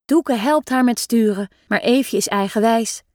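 A woman reading a children's story aloud in a lively, expressive way. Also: on the high side, unhurried, dry recording, studio quality.

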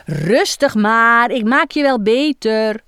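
A woman's voice: a little high, slow pace, fairly bright tone, clean tone, dry recording, clean studio sound. A woman voicing a playful, bossy little girl clown pretending to be a doctor.

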